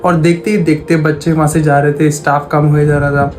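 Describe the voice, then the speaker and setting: A man's voice: fairly high pitch, little pitch movement, a little fast, a little mellow, faint music behind. A man telling a spooky story in a casual, conversational way, repeating phrases as he goes. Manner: retells dialogue in plain conversational voice, repeats phrases. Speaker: horror storyteller.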